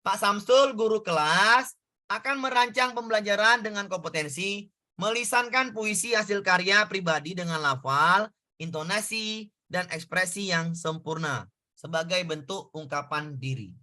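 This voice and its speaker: A man's voice: high-pitched, moderate pace, bright, forceful tone. A man tutoring a class through exam questions, talking casually and quizzing his students as he goes. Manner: conversational, asks students questions. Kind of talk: exam prep lesson.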